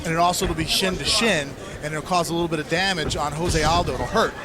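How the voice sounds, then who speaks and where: A man's voice: a little high, fast. A man giving conversational, technical color commentary on a live fight. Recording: loud crowd and music behind.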